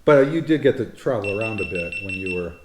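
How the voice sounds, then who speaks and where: Fast and expressive, his fairly low voice comes through with reverb and a noisy background. He's a man in his fifties from the United States, co-hosting a vlog and chatting loosely, teasing, rambling and frequently correcting himself.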